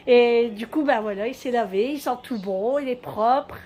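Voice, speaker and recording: A woman with a fairly high-pitched but dark voice chats to her viewers in a loose, rambling home vlog, full of fillers and small restarts. Speaking at a moderate pace, she seems to be doing chores around her kitchen as she talks.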